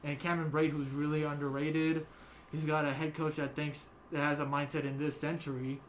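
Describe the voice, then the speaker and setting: A man's voice: on the high side, flat delivery, fairly quick, slight background noise. A young man hosting a casual sports chat, rambling with many fillers and restarts. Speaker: podcast host.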